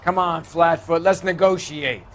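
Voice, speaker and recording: An actor playing a bitter, cornered killer in a period crime game, sardonic and menacing. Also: male voice, fairly high pitch, fairly even intonation, a little slow, a bit bright. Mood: bitter sarcasm. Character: bitter, cornered male killer turning on his lover.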